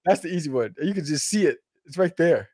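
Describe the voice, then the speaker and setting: A man's voice: a little high, expressive, fast talker, a little mellow, husky, no room sound, studio quality. A man co-hosting a casual chat, playful and laughing often.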